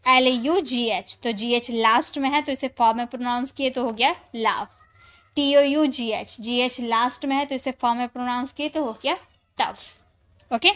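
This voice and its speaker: High-voiced woman teaching spelling. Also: pushed and bright. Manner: explains patiently, repeats each word and checks with "ठीक है?". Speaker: English teacher. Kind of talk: spelling lesson for Hindi speakers.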